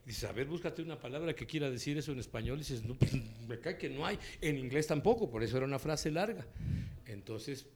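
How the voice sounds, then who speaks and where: A man's voice: medium pitch, brisk. A man with a Mexican accent, a voice actor and dubbing director, telling stories in an interview and acting out the quotes. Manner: animated storyteller, acts out quotes, laughs often. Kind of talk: relaxed interview storytelling.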